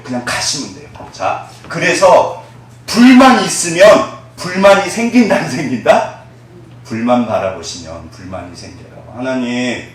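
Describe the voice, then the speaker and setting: Animated man preaching in an echoey hall. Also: mid-range voice, recorded from a distance, a little hiss or hum. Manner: lively, conversational preaching with call-and-response questions; acts out quoted voices, dropping to a soft hush. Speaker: pastor. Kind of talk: sermon.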